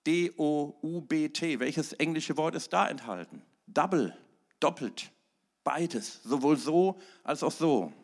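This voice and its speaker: A middle-aged man delivers a sermon as pastor. His voice sits a little high and carries a gravelly edge. He hammers single words at full force, then drops to near-hushed asides. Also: expressive, slow pace. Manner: emphatic preaching with sudden loud peaks and quiet asides.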